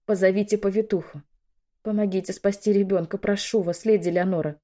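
A woman's voice: mid-range voice, steady tone, a little fast, warm tone, close to an everyday voice. A woman voicing an anguished young noblewoman. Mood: pleading. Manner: cries out in pain and anger. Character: young noblewoman in labor, poisoned, furious.

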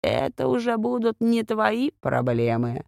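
A woman voicing an unseen old female seer whose disembodied voice speaks slowly and cryptically from the darkness, a little hoarse. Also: fairly high pitch, sing-song, darkish tone, no room sound, clean studio sound, voice pushed up, full character voice. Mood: cryptic. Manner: slow, cryptic, speaks in riddles. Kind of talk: audiobook character voice.

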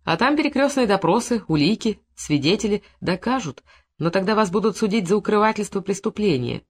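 A calm male investigator in an audiobook, as a reader plays him. He questions in a measured, firm way. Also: medium pitch, close to an everyday voice.

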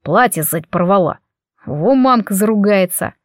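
A woman reading an audiobook voices a tough fourteen-year-old boy who talks in a gruff, slangy, offhand way. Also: mid-range voice, lively intonation, normal speed, no room sound, studio quality, close to an everyday voice. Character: tough teenage boy, about fourteen, cocky protector.

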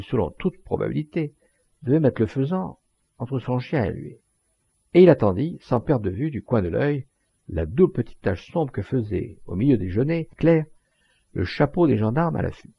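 Gravelly man narrating an audiobook. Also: mid-range voice, no room sound. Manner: measured, expressive storytelling.

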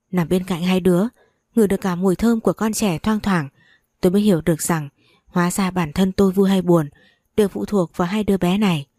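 Warm woman narrating a story. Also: fairly low pitch, dry recording, studio quality. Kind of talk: first-person audio story narration.

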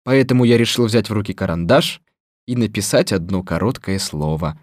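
A man narrating a children's storybook in a calm, measured way. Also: on the low side, no room sound, studio quality.

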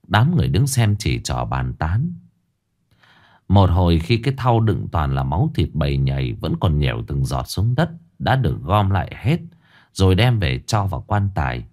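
A man's voice: low voice, a little mellow. A man narrating a scripted horror story, dramatic and dwelling on gruesome detail.

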